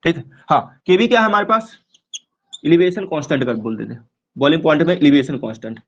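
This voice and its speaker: A man teaching a chemistry class online, asking rhetorical questions and answering them himself, repeating key terms slowly. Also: a little high. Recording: dull lo-fi recording.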